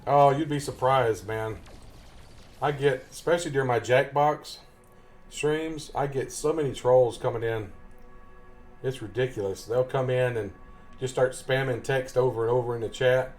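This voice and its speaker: Soft background music plays as a man with a Tennessee Southern drawl jokes around and rambles with his game stream viewers, laughing under his breath often. His voice is medium-pitched and darkish, at a moderate pace.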